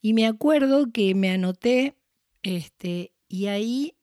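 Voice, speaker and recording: A middle-aged Argentine woman talks as an interview guest, recalling her path into storytelling with a reflective, unhurried manner. Her voice is mellow and the sound is dry and close. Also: mid-range voice, no room sound. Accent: Argentine Spanish. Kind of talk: conversational interview.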